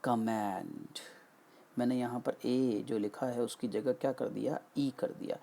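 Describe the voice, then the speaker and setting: A man's voice: medium pitch, steady tone, vocal fry, warm tone. A male English vocabulary teacher giving a classroom-style lesson that mixes Hindi and English, explaining step by step and asking and answering his own questions. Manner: slows down to spell out English meanings.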